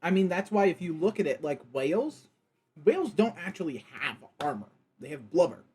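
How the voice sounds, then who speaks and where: A man's voice: on the high side, sing-song, fairly quick, a little mellow, slightly rough. A young man chatting casually on a gaming livestream, thinking aloud with lots of fillers as he reviews a viewer's creation.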